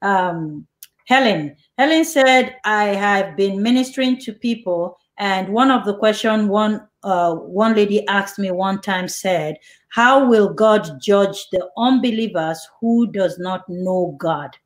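The host of this online church interview on a video call speaks slowly in a mid-range voice. She voices viewers' questions, laughs warmly and responds affirmingly to the answers.

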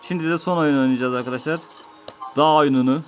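A man's voice: on the high side, fairly even intonation, fast talker, soft background music. A man giving let's-play commentary, patiently explaining each step of an old game to his viewers. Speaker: gaming YouTuber.

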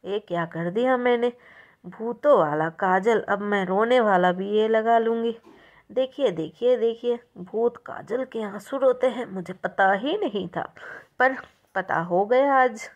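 A young woman from India, chatting casually to her viewers as she walks them step by step through her prep, with quick excited exclamations. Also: mid-range voice. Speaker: prank vlogger. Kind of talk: casual vlog narration to camera.

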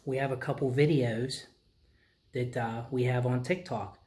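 A man in his forties chatting casually to viewers as host, with halting delivery. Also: medium pitch, steady tone, dark tone. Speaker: host, ventriloquist.

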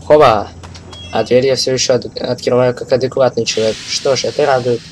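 A man's voice: medium pitch, fairly even intonation, fairly quick, slight background noise, rough recording. A man with a speech impediment on his r sounds, doing casual, profane gaming commentary and stumbling as he reads on-screen text aloud. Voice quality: burr, has trouble pronouncing his r sounds. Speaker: game streamer.

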